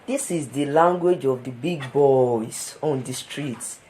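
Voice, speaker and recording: A man's voice: medium pitch, takes it slowly, dark tone, slight background noise, natural voice, poor audio. An actor with a Nigerian accent playing a cynical young man who talks street slang, sneering and scoffing. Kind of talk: film drama acting.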